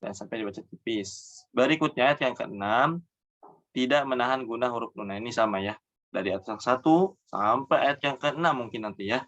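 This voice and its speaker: A man teaching Quran recitation rules, explaining each mistake, then reciting the words slowly and drawn out, dropping softly at the ends of phrases. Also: medium pitch, muffled recording. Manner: trails off softly after each example. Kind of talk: tajwid lesson with slow demonstration recitation.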